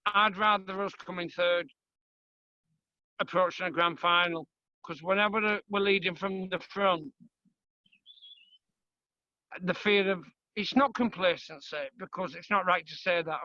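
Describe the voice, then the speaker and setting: A man's voice: high voice, pushed and bright, no echo, dull audio. A man with a northern English accent in casual, blunt, colloquial pub-style chat about sport as a fan and host. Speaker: host, fan asking questions of a player. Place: small room in a home, kitchen.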